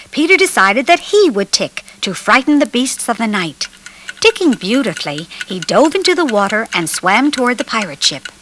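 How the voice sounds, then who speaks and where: A woman's voice: on the high side, fairly bright tone, a little hiss or hum. A woman reading a children's storybook aloud as narrator, telling it expressively.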